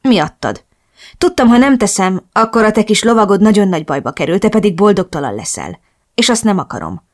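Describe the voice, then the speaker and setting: A woman's voice: medium pitch, sing-song. A woman voicing a young man, the heroine's devoted best friend, in an earnest, reassuring way.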